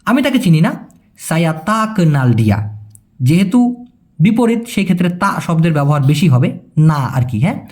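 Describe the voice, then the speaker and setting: A man teaches a casual language lesson. His voice sits high and swings widely in pitch as he explains. He repeats phrases slowly and patiently, checking that his viewers follow. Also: very animated, darkish tone.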